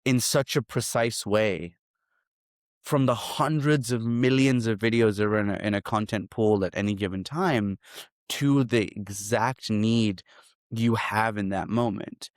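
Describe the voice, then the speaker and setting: A man from Hong Kong, a startup founder, speaking as an interview guest in a relaxed, reflective way and often repeating phrases. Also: lowish voice, unhurried, dry recording, clean studio sound. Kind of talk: casual interview.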